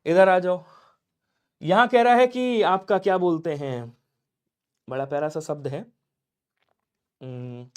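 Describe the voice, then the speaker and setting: High-voiced man drilling a grammar class. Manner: answers his own questions in students' voices; drills quickly, urging speed. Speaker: Hindi teacher. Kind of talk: exam-prep grammar lesson.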